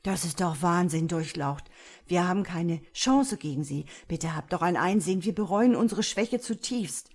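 A woman's voice: on the low side, moderate pace, a little mellow. A woman voicing a remorseful male vampire henchman who urgently begs his master for mercy in an audiobook. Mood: begging. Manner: pleading urgently.

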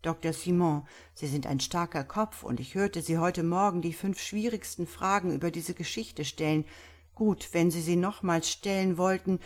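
A woman voicing a calm, thoughtful small old priest who speaks quietly and mildly in a read-aloud story. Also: lowish voice, normal speed, natural voice. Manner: quiet, mild, musing.

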